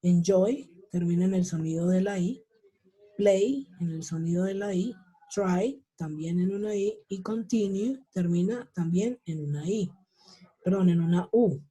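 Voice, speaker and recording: A man teaching an English class over a video call. He explains patiently, checks in with his students after almost every point and repeats example words slowly. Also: high-pitched, warm tone, slightly rough. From Colombia.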